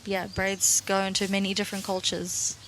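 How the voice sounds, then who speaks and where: A woman's voice: medium pitch, monotone, moderate pace, a bit bright, slight background noise. A young woman from Russia co-hosting a podcast, chatting casually and laughing easily. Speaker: podcast co-host. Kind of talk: casual chat.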